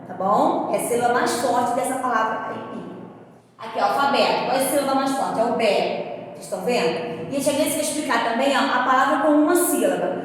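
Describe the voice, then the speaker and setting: A woman's voice: high voice, slight background noise. A Brazilian woman teacher walking children through workbook exercises, checking in often and pointing things out patiently. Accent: Brazilian Portuguese. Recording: echoey room with strong reverb, faint ambience.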